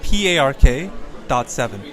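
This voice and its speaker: Man, hesitant, searching for words, art fair interview, loud crowd behind. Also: mid-range voice, very animated, moderate pace. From South Korea. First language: Korean. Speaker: artist and art writer. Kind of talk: casual interview.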